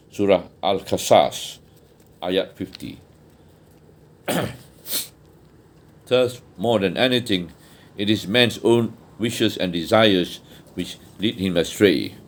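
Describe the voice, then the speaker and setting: Low-voiced man reading a religious text. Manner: measured, earnest reading with occasional restarts and throat clearing. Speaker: audiobook reader. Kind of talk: reading a religious book aloud.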